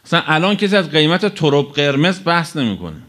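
A man preaching a religious sermon to a live audience, stretching out key phrases for emphasis and then rushing through quick asides. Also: a little high. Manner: animated, swinging between drawn-out emphasis and quick asides.

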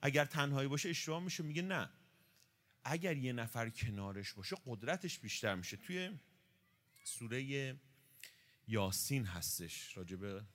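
A man's voice: medium pitch, sing-song, fairly bright tone. Man giving a conversational religious talk. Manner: explanatory, poses rhetorical questions and answers them. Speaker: religious lecturer.

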